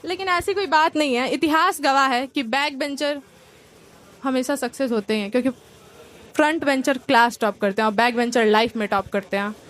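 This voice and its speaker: A young woman from India performs stand-up comedy in with a tinge. Her voice sits high, and she tells her stories in a lively way, slipping into impressions of family and friends. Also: moderate pace. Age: young adult. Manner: lively storytelling, acts out relatives and friends.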